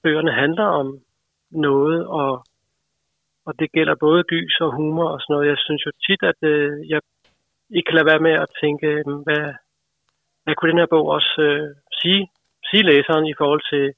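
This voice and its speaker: A man, an author, answers casually and hesitantly with many fillers, in a fairly high, gravelly voice. The sound comes dry and tinny, as over a phone line. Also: no room sound.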